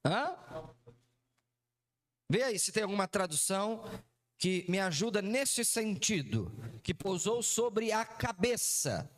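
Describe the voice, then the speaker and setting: A man's voice: sits high, very animated, slow pace, pauses often. A man with a Brazilian accent preaching a sermon to a live church congregation, theatrical and full of questions to his listeners. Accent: Brazilian Portuguese. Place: church service before a congregation.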